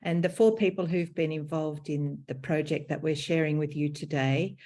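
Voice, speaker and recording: An Australian woman, a teacher educator, giving a measured, slightly formal conference presentation over a video call. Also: low voice, steady tone, dark tone.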